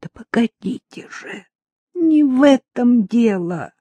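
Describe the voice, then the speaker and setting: A reader doing a cold, hushed, weary woman. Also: mid-range voice, slow, husky, dry recording. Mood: pleading hush. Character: weary, cold-voiced educated woman, frightened.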